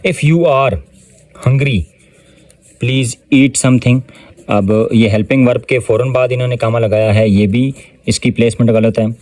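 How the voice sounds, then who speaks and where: A man with a Pakistani Urdu accent teaching English grammar for a test. He explains each answer step by step, pauses often, and reads the English sentences slowly and deliberately. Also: medium pitch, darkish tone, no echo. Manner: explains step by step with frequent fillers.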